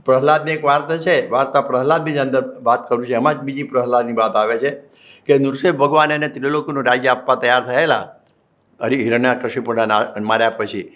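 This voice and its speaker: Male monk, Gujarati accent, sermon storyteller, quotes and verses, mid-pitched voice. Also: steady tone, fairly quick, a bit bright. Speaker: monk preacher. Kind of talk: Gujarati religious discourse.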